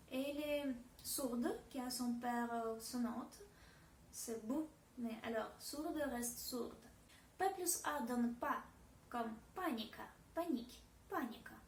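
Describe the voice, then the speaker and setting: A woman's voice: fairly high pitch, a little mellow, roomy sound, distant mic, slight background noise. A woman with a Russian accent giving a pronunciation lesson, speaking hesitantly and repeating example words. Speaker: Russian language teacher. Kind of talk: language lesson.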